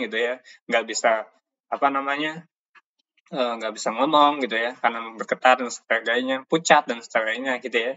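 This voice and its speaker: A man teaching a course, talking through his presentation slides in a halting way, with many fillers and restarts. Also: medium pitch, pushed and bright. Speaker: course instructor. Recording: dull lo-fi recording.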